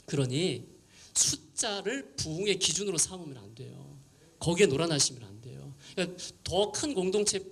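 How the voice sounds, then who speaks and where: A man delivers a sermon with a high, bright voice that swoops up and down with lively energy. He preaches in a conversational way, leaning hard on key words as he addresses a young church crowd. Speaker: pastor. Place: church sanctuary.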